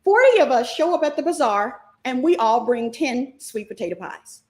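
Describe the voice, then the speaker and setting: Animated middle-aged woman, fast-talking class host, chatty with viewers, higher voice. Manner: chatty, reacts to viewer comments. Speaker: stock market class host. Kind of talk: live online teaching.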